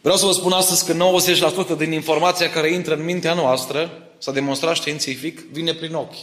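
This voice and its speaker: A man's voice: a little high, steady tone, fairly bright tone. A middle-aged man preaching a sermon in church. He tells stories from his family and explains Bible verses, often asking the congregation whether they follow him. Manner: personal stories mixed with Bible teaching, asks listeners for agreement. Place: church hall. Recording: echoey church hall.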